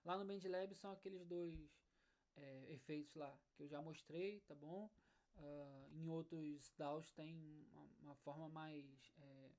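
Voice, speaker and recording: Low-voiced woman teaching music. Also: fairly even intonation, a little slow, warm tone. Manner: explanatory, checks in often with "né?" and "tá bom?". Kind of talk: online music lesson. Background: faint acoustic guitar.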